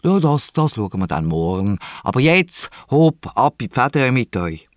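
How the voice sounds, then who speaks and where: A man's voice: medium pitch, very animated, normal speed, dry recording, studio quality, natural voice. A man with a Swiss German accent voicing a fat, fearful, grumbling uncle in a children's radio play. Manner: grumbling, reluctant.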